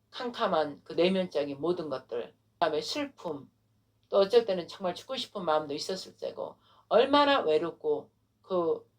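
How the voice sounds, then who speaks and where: A woman pastor preaching a sermon, retelling a story with animated delivery and frequent rhetorical questions. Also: lowish voice.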